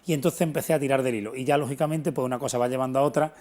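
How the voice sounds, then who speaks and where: A middle-aged local historian from Antequera in southern Spain answers an unscripted television interview earnestly and emphatically, explaining as he goes. He talks very fast in a medium-pitched, darkish voice with fairly even intonation.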